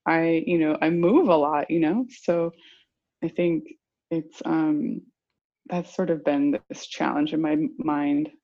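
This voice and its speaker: Gravelly-voiced woman, rambling chat. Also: low-pitched, fairly even intonation, measured pace, mellow, highs cut off. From United States. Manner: rambling, full of "like" and "you know". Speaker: perfumer guest. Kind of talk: casual interview chat.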